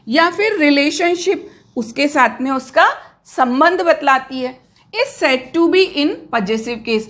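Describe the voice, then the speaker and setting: A woman with a high voice teaches an English grammar lesson in a slow, measured way. She blends Hindi with English terms and often asks the class a question before answering it herself. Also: a bit bright.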